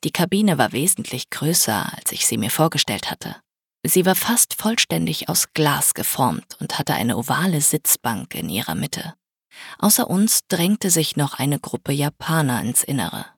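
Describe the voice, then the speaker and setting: A woman narrating a first-person audiobook in an even storytelling read, with a husky voice. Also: low-pitched, unhurried, no echo, studio quality.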